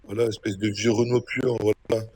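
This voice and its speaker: A man's voice: fairly low pitch, level tone, moderate pace, dark tone, no echo. A young man streaming a role-play game, casually mocking and insulting another player in a taunting way. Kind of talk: casual trash talk on stream.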